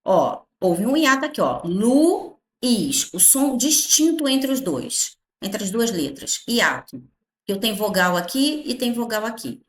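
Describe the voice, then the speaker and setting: A Brazilian woman teacher explaining grammar in an animated way, stretching her words and checking in with the class often. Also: medium pitch, normal speed, echoey room. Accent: Brazilian Portuguese.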